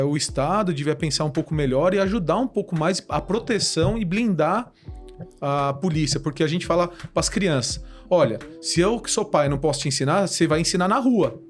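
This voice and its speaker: A man hosting a podcast, chatting casually and sharing his opinions at length. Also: on the high side. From Brazil. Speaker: podcast host.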